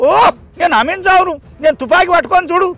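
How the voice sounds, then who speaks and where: A man with a Telangana Telugu accent playing a loud, nagging old village mother-in-law in a comedy sketch. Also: very fast, dry recording. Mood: scolding. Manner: shrill nagging scolds, loud outbursts. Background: background music.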